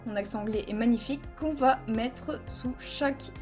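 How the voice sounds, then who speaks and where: A woman's voice: on the high side, moderate pace, a little mellow, faint music behind. A woman teaching a video editing tutorial over a headset mic, explaining each step plainly and counting frames aloud. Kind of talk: screen-recorded software tutorial.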